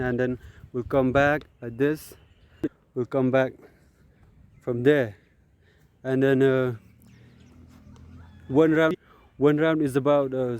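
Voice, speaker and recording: A man's voice: medium pitch, a little mellow, smooth. A man with a Northeast Indian accent talking casually outdoors for a running vlog, hesitant and often repeating his phrases. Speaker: vlogger. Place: outdoors on an open grass field.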